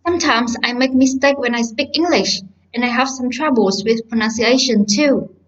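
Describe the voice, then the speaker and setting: A woman reading the part of a polite young male student in a scripted textbook dialogue, slow and careful. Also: fairly high pitch, close to an everyday voice. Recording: slightly dull lo-fi course audio.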